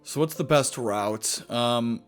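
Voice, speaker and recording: A young man giving casual gameplay commentary, rambling and halting with many fillers and restarts. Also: mid-range voice, faint music behind. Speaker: gaming video host.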